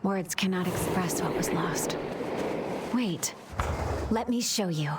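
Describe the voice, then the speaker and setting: An actress voicing an earnest young female angelic aspirant in a video game, speaking formally and solemnly through a too-smooth, android-like processed sheen. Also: fairly low pitch, slow pace, very noisy.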